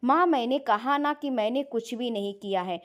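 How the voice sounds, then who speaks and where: A woman voicing a calm, restrained young married son answering his mother. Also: a little high, moderate pace, lightly acted.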